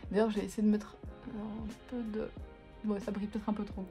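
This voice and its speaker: A woman's voice: medium pitch, flat delivery, brisk, music in the background. A woman doing a casual makeup tutorial at home, chatty, rambling and self-mocking, with casual swearing. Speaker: beauty vlogger. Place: living room at home, on a couch.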